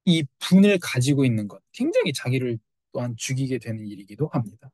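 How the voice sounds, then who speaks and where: Animated middle-aged male pastor preaching. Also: medium pitch, a little fast, dry recording. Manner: animated preaching with rhetorical questions. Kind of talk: sermon.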